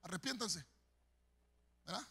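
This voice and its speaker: A man preaches a fervent, story-driven sermon, calling out to his congregation as brothers. His voice sits high and swoops widely, with a bright, husky and gravelly edge. Long reverb from the church hall trails every phrase. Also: lively intonation, slow. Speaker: pastor.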